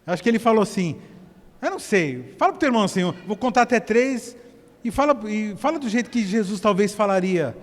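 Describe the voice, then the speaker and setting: A Brazilian man preaching a sermon at a church service, swinging from hushed to loud as he directs the congregation. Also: high voice, lively intonation, a little fast, long reverb tail. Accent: Brazilian Portuguese. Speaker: pastor.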